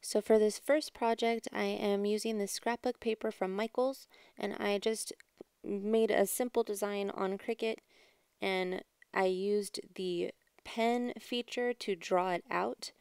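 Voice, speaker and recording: A smooth, mid-range female voice, steady in tone and a little slow, carries a homemade voice-over for a craft channel. She chats through a DIY tutorial step by step, subdued and quiet. Despite the home voice-over mic, the sound is clean and studio-like, with no room sound.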